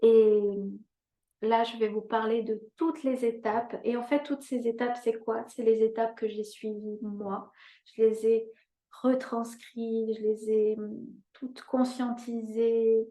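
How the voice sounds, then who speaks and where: A woman in her fifties with a slightly high voice, leading a live coaching masterclass. She speaks earnestly, doubling key words for emphasis and turning to her listeners with little tag questions. The room around her sounds echoey. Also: little pitch movement, slow, mellow. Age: 50s. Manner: addresses listeners directly with frequent "hein?". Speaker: life coach.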